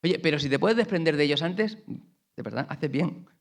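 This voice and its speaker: Man, pastor, sermon, colloquial, lively swings soft to loud, slightly high voice. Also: normal speed. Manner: colloquial, animated storytelling with rhetorical questions.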